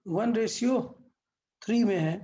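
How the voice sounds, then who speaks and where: A woman's voice: mid-range voice, unhurried, mellow, highs cut off. A woman teaching a physics lesson step by step, asking questions and answering them herself, mixing English terms into Hindi.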